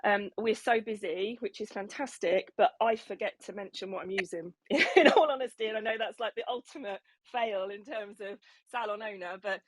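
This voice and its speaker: A salon owner chats casually in an audio room, slightly out of breath and rambling, with lots of ums and restarts. Her medium-pitched voice has fairly even intonation and moves at a moderate pace with hardly any pauses. There's no room sound.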